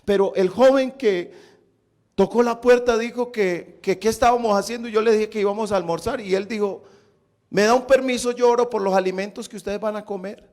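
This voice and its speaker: A man's voice: sits high, brisk, a little mellow, voice pushed up, close to an everyday voice. A man voicing an astonished woman, a mother, telling what happened in her home. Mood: explaining. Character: amazed mother of a grown son, excited woman.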